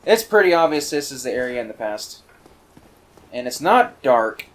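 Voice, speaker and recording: A man giving casual, rambling commentary on a video game he is playing, full of fillers and excited asides. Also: medium pitch, moderate pace. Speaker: let's play commentator.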